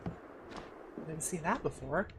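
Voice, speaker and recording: A woman's voice: deep voice, lively intonation, takes it slowly, background noise. A woman with an English accent giving casual, rambling live commentary while streaming a video game. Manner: rambling, reactive, exclaiming at the game. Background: game audio.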